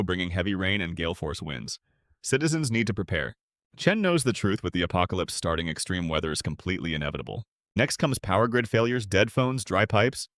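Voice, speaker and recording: Guy with a really low voice doing dramatic recap narration, dry close mic, snarky asides. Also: fairly bright tone, no room sound. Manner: brisk, dramatic storytelling with sarcastic asides.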